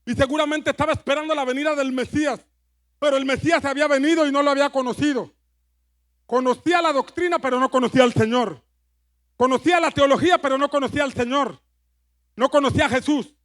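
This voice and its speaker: A man preaching a sermon with fervor, repeating his phrases and calling on the congregation to answer back. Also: extremely high pitch. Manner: fervent, repeats phrases, leads congregation call-and-response.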